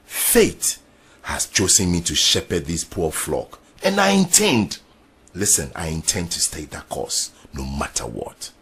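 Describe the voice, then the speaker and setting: An actor with a Ghanaian English accent playing a proud ex-soldier sergeant who leads a protest, speaking in a raspy, forceful, speechmaking way. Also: male voice, low-pitched, wildly swooping pitch, a little slow, full character voice. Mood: defiant. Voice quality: raspy, gravelly. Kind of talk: period drama acting.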